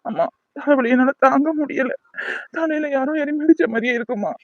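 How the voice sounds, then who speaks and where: A young man voicing a gravely injured young man in a cartoon, talking in pain and pleading with his mother. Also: high voice, quick pace, no room sound, dull audio. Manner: pained, pleading, resigned. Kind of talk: cartoon voice acting.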